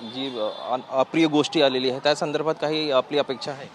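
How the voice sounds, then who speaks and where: A man's voice: mid-range voice, a little fast, slight background noise. A man reporting from an outdoor festival gathering for a TV news channel, asking questions with many hesitations and fillers. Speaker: TV field reporter.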